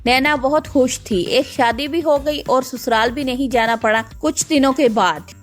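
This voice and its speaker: A woman narrates an animated bedtime storybook in a plain, even storytelling manner. Her voice is high, and faint music runs softly behind her. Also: moderate pace.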